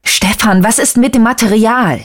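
A man's voice: sits high, moderate pace, voice pushed up. A reader voicing an insistent, agitated male detective who keeps pressing with questions, in an audiobook. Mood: shouting.

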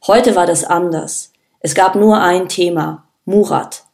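A woman narrating an audiobook in a steady, measured storytelling manner. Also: on the low side, creaky. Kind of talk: scripted narration.

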